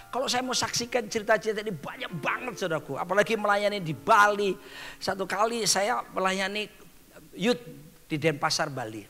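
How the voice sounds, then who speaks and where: A middle-aged male pastor preaching a sermon, telling stories in an animated way and often calling out to the congregation. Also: high voice, big-room sound.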